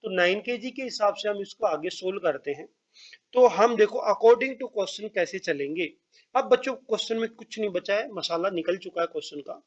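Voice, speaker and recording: A man's voice: high-pitched, expressive, dull audio. A man teaching an online math lesson, talking to his pupils as children, repeating steps and checking that they follow while he writes. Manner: writes on screen while speaking, pauses and drawn-out words.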